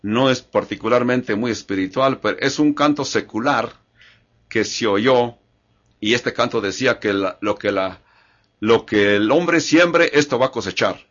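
A man's voice: medium pitch, unhurried, a bit bright, lo-fi sound. An older man preaching a sermon in Spanish-language church style, earnest and repetitive, often restarting his phrases.

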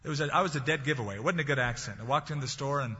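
A man's voice: mid-range voice, racing, pushed and bright, husky. A male pastor preaching a sermon in a conversational way, quoting scripture and telling light anecdotes. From California. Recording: dull recording in a large reverberant hall.

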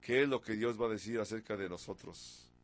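Here the preacher, a man in his sixties, talks a little fast in a lowish voice. Originally from overseas, a land once governed by an emperor, he poses question after rhetorical question and suddenly punches particular words.

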